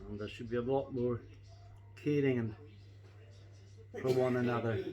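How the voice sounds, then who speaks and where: A man's voice: mid-range voice, fairly even intonation, normal speed, highs cut off, crowd noise. A middle-aged or older Scottish man chatting casually to camera, reminiscing in a rambling, folksy and reflective way. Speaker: pipe-smoking vlogger.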